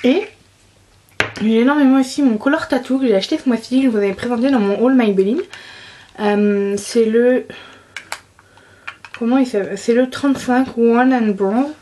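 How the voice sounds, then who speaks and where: A woman's voice: a little high, normal speed, pauses often, dark tone, a little hiss or hum. A young woman chatting casually about her monthly beauty favorites, enthusiastic and full of fillers and restarts. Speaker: beauty vlogger.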